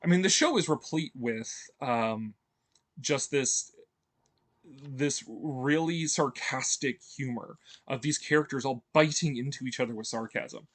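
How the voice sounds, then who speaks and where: A man hosts a video with casual, enthusiastic commentary, rambling with lots of fillers and restarts and chuckling often. His voice is medium-pitched and his pace a little slow.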